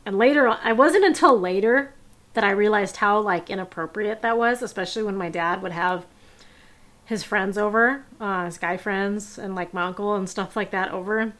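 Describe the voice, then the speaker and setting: A woman's voice: mid-range voice, moderate pace, a bit bright. A young adult woman casually recounting personal stories as a podcast host, with frequent fillers and little laughs. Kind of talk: personal storytelling.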